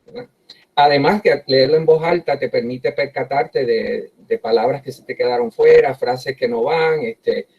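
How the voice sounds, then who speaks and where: A middle-aged man, a professor, talks reflectively about how he writes, often pausing on fillers and asking "right?" to his listeners. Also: mid-range voice, darkish tone, husky. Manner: tags sentences with "¿verdad?" and pauses often on "eh". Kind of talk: reflective talk on his writing process. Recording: dull lo-fi recording.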